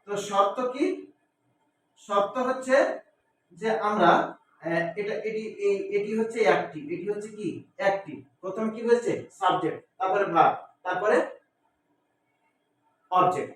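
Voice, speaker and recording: A man with a Bengali accent teaches grammar like a classroom lecture, repeating phrases, spelling words aloud and answering his own questions. His voice is high and fairly bright, at normal speed with long pauses. The room is echoey, the mic distant, with faint noise.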